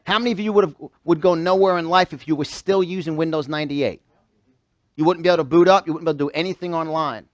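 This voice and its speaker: A motivational speaker from New York, United States, talks fast in a slightly high voice at a seminar for a small live audience in an event room. He's emphatic, repeats phrases and fires questions at listeners; the recording has no echo and its highs are cut off.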